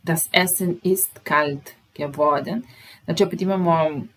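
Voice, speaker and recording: A woman with a Serbian accent teaches German in a slow, unhurried way. Her voice is low and a little husky. She says each sentence, repeats it and then explains it. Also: fairly even intonation, rough recording. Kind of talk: slow language lesson.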